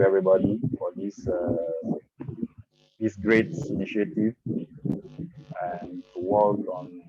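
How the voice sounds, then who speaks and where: Deep-voiced, slow man with an Ivorian accent. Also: narrow, tinny audio. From Ivory Coast. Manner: halting, repeats words. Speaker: first-time guest at a meeting. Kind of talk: informal self-introduction.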